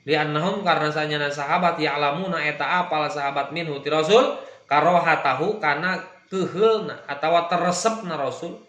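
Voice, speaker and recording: Male religious teacher, Sundanese accent, bright and fairly high voice, echoey room, explains a text line by line. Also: normal speed. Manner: translates Arabic text phrase by phrase, mixing Indonesian and Sundanese. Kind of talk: religious study lecture.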